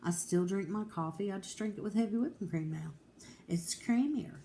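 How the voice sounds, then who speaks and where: A woman's voice: mid-range voice, moderate pace, dark tone, a little hiss or hum. A woman, talking candidly and determinedly in a casual home vlog, rambling with many fillers. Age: 40s. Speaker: vlogger.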